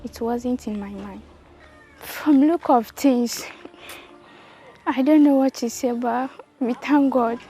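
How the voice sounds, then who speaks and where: A woman with a Ghanaian accent talks in an interview about her brother. Her voice sits high but mellow, and she speaks simply and gratefully. Faint music plays behind. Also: slow, pauses often, slightly rough. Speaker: student's elder sister.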